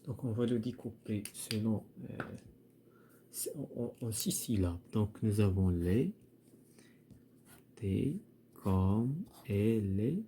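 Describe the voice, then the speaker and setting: Slow, hesitant man. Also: fairly low pitch, warm tone, slight background noise. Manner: hesitant, repeats words, many fillers. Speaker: primary school French teacher. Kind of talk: recorded lesson walkthrough.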